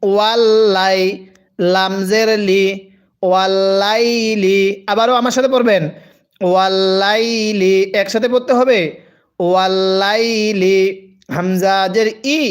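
In a live call-and-repeat Quran reading lesson, a man with a high, clean-toned voice spells out letters and vowels. He stretches out each word and encourages listeners to read aloud along with him.

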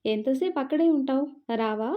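A woman voicing an affectionate, teasing young husband in a romantic storybook, in a soft, playful tone on a slightly muffled recording. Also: sits high, normal speed, close to an everyday voice. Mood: tender teasing.

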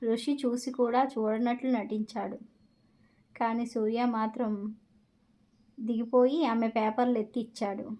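A woman's voice: on the high side, little pitch movement, unhurried, long pauses, dark tone, rough recording. A woman narrating a dramatic love story in short, scripted sentences.

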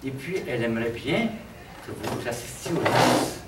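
A man's voice: mid-range voice, lively intonation, moderate pace, very noisy, pitched below the performer's own voice, natural voice. A man with a Québécois accent voicing a polite, ingratiating royal diplomat. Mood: courteous. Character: polite middle-aged royal diplomat, smooth and courteous. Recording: roomy, distant mic, faint background.

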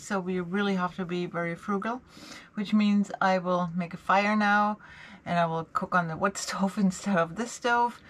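A woman's voice: mid-range voice, a bit bright. A young woman talking casually to camera as a sailing vlogger, marvelling and laughing often. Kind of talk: casual vlog narration to camera. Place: sailboat deck in snow, then boat cabin. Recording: wind and water noise outdoors.

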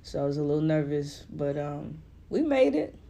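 Low, dark-voiced playful woman storyteller. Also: creaky. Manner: playful, expressive, drawn-out storytelling. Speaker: podcast co-host. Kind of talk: casual storytelling chat.

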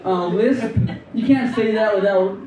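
A man doing an open-mic stand-up set on a club stage, talking in a halting, rambling way with many restarts. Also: high-pitched. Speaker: stand-up comedian. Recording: distant, echoey club with loud crowd. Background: audience laughter.

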